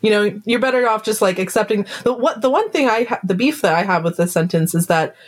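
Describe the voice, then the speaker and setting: A woman's voice: mid-range voice, lively intonation, brisk. A woman talking casually and forthrightly, stating her views plainly. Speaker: podcast co-host. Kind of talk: casual opinionated chat.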